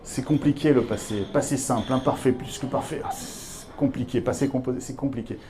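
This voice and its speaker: With a handheld microphone and a noisy background, a man gives business leaders a live masterclass in a brisk, mid-range voice. He teaches emphatically, repeats key words, and addresses the audience directly.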